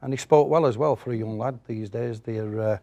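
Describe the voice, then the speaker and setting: A man offers his view plainly and dryly. His voice sits mid-pitch. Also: a little fast, dark tone. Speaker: studio guest. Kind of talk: casual studio chat.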